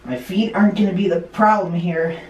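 A man's voice: sits high, steady tone, moderate pace. A young man talking casually to camera as host of a challenge vlog. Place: small home bathroom. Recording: echoey bathroom with background noise.

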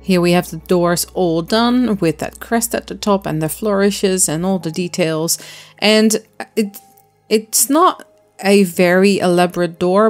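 A woman's voice: lowish voice, a little mellow. A woman hosting a crafting vlog, explaining her miniature build step by step in a friendly, chatty voice-over. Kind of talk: casual voice-over narration.

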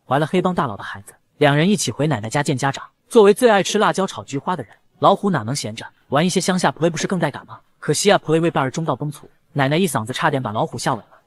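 Rapid-fire husky comic narrator. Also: male voice, on the high side. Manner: cheeky, joking asides. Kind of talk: fast comic recap narration.

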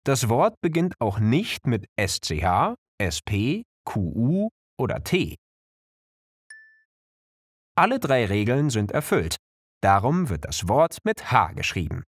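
A male narrator reads scripted narration for an educational video aimed at children, explaining things slowly and clearly with lively pitch. There's no room sound.

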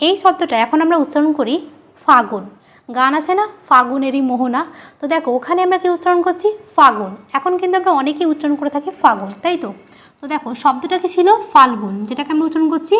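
A woman teacher with a high, slightly bright voice leads a grammar lesson. She spells key terms slowly and repeats them, asking questions and then answering them herself.

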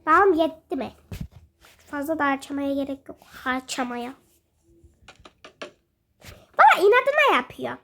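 A woman with a very high voice talks her way through a video game in a chatty, self-mocking way. Her speech is slow and unhurried, and her pitch swings a lot, with frequent exclamations. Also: lively intonation, background noise. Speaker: gaming video host. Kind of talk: casual let's-play commentary.

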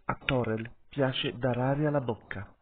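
A man's voice: medium pitch, big pitch swings, moderate pace. A man voicing a scornful, skeptical pack wolf who scoffs and probes, in an audiobook with tinny sound. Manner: scoffing, probing.

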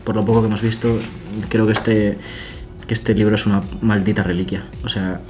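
A young man talks casually and excitedly, gushing and swearing in awe as he pages through an illustration book. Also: fairly low pitch, fairly quick. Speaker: illustrator and YouTuber. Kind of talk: casual vlog, flipping through an art book.

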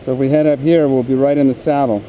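A man's voice: medium pitch, fairly even intonation, fast, dark tone. A man chatting casually while hiking through a forest, explaining the map and rocks with dry jokes, recorded on a head-mounted camera. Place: forest hillside outdoors. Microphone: head-mounted action camera. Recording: noisy outdoor action-camera audio.

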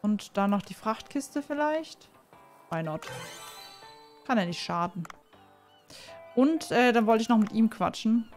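Excitable woman gamer, fairly high voice. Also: measured pace, long pauses, faint music behind. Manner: excitable, frequent startled exclamations; reads game dialogue aloud. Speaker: let's play gamer. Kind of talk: casual gameplay commentary.

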